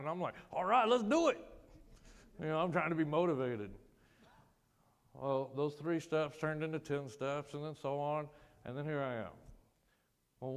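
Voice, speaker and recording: A man who is a military veteran, speaking to a school assembly and telling a personal story with casual, self-deprecating humor. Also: mid-range voice. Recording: long hall reverb.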